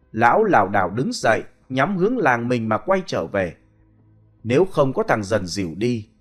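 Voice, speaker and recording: A man reading a ghost story aloud in a dramatic, expressive way. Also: mid-range voice. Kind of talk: scripted storytelling.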